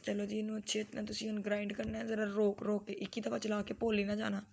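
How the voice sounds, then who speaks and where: Flat, gravelly Lahori woman vlogging. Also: medium pitch, fast talker. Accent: Lahori Punjabi. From Lahore, Pakistan. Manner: chatty, slips into Punjabi phrases. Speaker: family vlogger and mother. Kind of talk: casual vlog voice-over narration.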